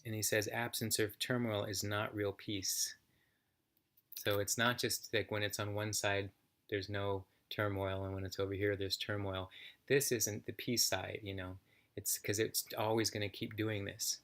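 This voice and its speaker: A man, a yoga teacher, reading a daily passage aloud and then reflecting on it in a calm, unhurried way. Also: fairly low pitch. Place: yoga center, indoors.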